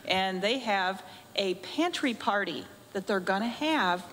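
A woman's voice: medium pitch, expressive, unhurried, a bit bright. Woman sharing a funny story in an echoey hall. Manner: laughing, self-mocking storytelling. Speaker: book group member. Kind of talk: casual anecdote. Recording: echoey hall, faint background noise.

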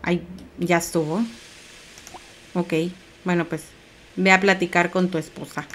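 A woman giving casual let's play commentary, talking to herself and her viewers, rambling and breaking into high squeals over cute things. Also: level tone, measured pace, fairly bright tone, a little hiss or hum. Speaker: game streamer.

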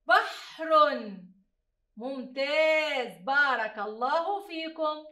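A woman teacher giving a slow phonics lesson to young pupils, stretching out each sound and praising them often. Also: high-pitched, lively intonation, sharp tone, far from the mic. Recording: echoey room, voice a bit off-mic.

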